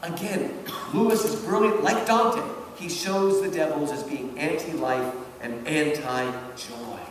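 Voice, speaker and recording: Heard distantly in a very echoey public hall with faint noise, this lecturer speaks at a measured pace in a fairly high voice. He comments on a literary work in a lively, talkative way, quoting readings and driving his points home with questions.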